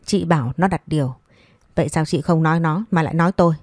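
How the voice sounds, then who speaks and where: A shrill, scornful old mother-in-law, sharp-tongued and quick to scold, as a woman storyteller puts her on. The voice sits low and dark, and the words come fast and cutting. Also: dry recording, clean studio sound, close to an everyday voice. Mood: furious.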